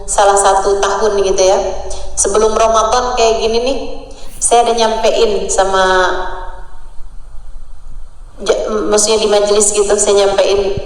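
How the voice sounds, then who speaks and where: A woman's voice: medium pitch, unhurried, long pauses. Woman preacher in a very echoey hall. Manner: retells stories in lively acted quotes, repeats key phrases. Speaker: Islamic preacher. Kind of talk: sermon with vivid storytelling. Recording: very echoey hall with long reverb.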